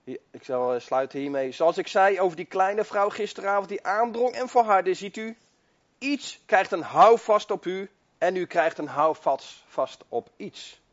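The dull, lo-fi sound of an old sermon tape carries a man's high-voiced, unhurried preaching. He drives home his points through fervent repetition and swelling emphasis.

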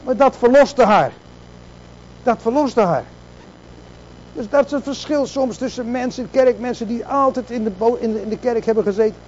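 High-voiced man preaching a sermon. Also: moderate pace, muffled recording, a little hiss or hum. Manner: preaching with emphatic repetition and rhetorical questions.

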